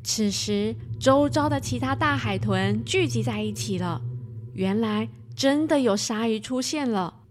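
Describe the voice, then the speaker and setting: A woman storyteller giving expressive narration of a children's tale. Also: on the high side, measured pace, background noise.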